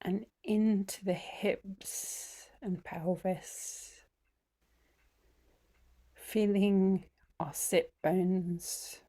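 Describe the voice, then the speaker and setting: Woman, breathwork teacher leading a slow body scan meditation. Gentle, with ums, sometimes whispering. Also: medium pitch, fairly even intonation. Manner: slow, gentle guidance with frequent ums and soft whispered phrases.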